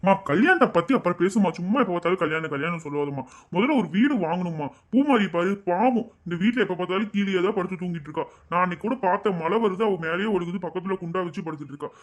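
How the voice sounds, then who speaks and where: A man's voice: high voice, animated, quick pace, hardly any pauses. A man voicing a responsible young son in a cartoon family drama. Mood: earnest. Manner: soothing, earnest. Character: young working son, mid-twenties, responsible and kind.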